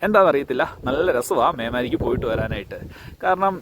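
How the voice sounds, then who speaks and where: A man's voice: mid-range voice, lively intonation, quick pace. A man with a central Kerala accent from Idukki, narrating a casual daily vlog in a chatty way and mixing English words into his Malayalam. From Kerala, India. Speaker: vlog host. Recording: clearly noisy background with clicks.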